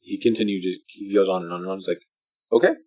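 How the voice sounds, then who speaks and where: A drunk man giving casual, rambling movie commentary, halting and meandering, often trailing off mid-thought. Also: low voice, flat delivery, a little mellow. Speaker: vlogger reviewing a film.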